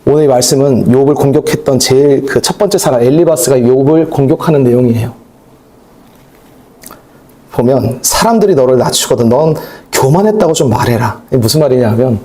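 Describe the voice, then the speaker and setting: A male pastor preaching a sermon in a conversational, animated way, with asides and acted-out quotes. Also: medium pitch, normal speed, pauses often.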